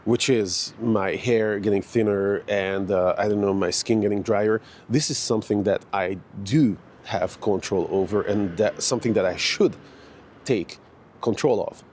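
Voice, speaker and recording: In this casual walking vlog, a Hungarian man in his 40s who makes fitness videos rambles with many fillers and restarts while strolling an outdoor park in the morning. His pitch is fairly low, his pace relaxed, his tone a bit mellow, and there's slight noise behind him.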